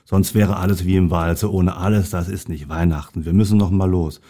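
A man voicing an irritable old male carp in a storybook reading, in a low voice. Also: steady tone, brisk, dark tone. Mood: coaxing.

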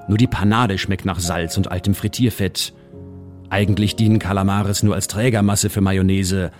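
A man, the station's resident poet, reading his own comic short story aloud in a radio studio, with a dry, deadpan delivery and sudden high voices for the quoted characters.

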